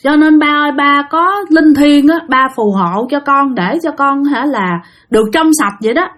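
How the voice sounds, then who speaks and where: A woman's voice: sits high, lively intonation, normal speed, fairly bright tone, voice pushed up. A woman voicing a humble young wife who prays in a pleading way. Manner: pleading, tearful.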